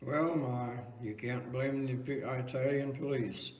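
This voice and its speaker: A man's voice: medium pitch, steady tone, a little slow, a little mellow, natural voice. A man playing a teasing, folksy older husband in an amateur comedy talk-show skit. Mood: wry, teasing. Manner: folksy, reasoning retorts. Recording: echoey room, distant mic.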